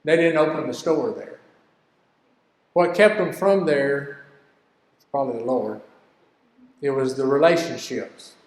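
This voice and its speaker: A man's voice: medium pitch, unhurried, long pauses. An older man gives a homespun, earnest business lesson, full of stories and folksy turns of phrase. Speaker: business teacher. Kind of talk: folksy teaching talk. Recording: echoey hall with long reverb.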